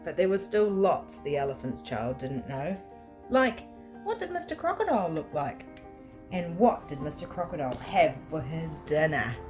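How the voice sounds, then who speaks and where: A woman librarian with a New Zealand accent reading a picture-book story aloud to toddlers in an expressive storyteller voice. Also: deep voice, normal speed, music in the background, poor audio. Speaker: children's librarian.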